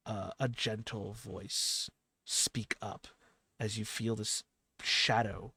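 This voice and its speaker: A male game master narrates a tabletop game at an unhurried pace. His voice is low and gravelly, with many hesitant pauses. The recording sounds close and dry. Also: flat delivery, sharp tone, no room sound. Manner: descriptive, with frequent "uh" pauses.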